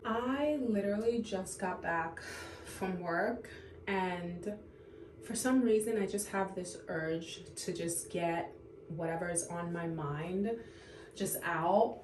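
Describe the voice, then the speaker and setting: A woman in her thirties talks straight to camera in an unscripted confession, trying not to cry, halting and sighing often. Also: on the low side, echoey room, noisy background. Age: 30s. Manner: tearful, halting, full of fillers and sighs. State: on the verge of tears. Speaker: vlogger.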